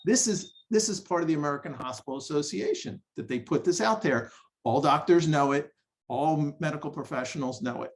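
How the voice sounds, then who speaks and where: An enthusiastic man hosts a podcast and readily affirms what his guest says. His voice sits a little higher than most men's. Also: fairly quick. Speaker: podcast host. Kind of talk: podcast conversation.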